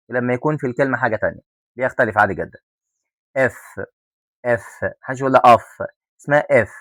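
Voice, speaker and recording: A young man with an Egyptian Arabic accent teaching French letter sounds, drilling them slowly with repetition and joking asides. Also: medium pitch, no room sound. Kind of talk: spoken pronunciation lesson.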